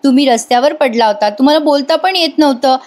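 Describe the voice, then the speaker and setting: A woman voicing a kind young woman who speaks gently and with concern. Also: sits high, fast, lightly acted.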